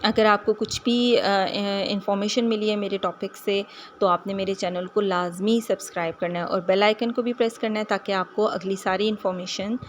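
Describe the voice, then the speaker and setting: A woman teaching a home-schooling phonics lesson, sounding out words slowly syllable by syllable and mixing Hindi-Urdu with English. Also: mid-range voice, fairly even intonation, a little hiss or hum.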